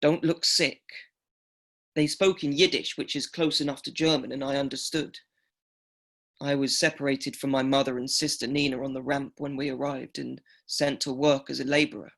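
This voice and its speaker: An actor playing an elderly male Holocaust survivor from Greece, speaking slowly and haltingly and repeating himself. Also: medium pitch, flat delivery, creaky, a bit bright. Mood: somber. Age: older. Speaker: survivor telling his story. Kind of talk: radio documentary drama.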